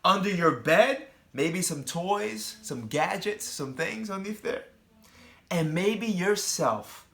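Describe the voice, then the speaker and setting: A man who teaches reads a picture book slowly to young children, speaking to them directly with chatty asides and questions. His high voice is animated and gravelly, with a bit of brightness.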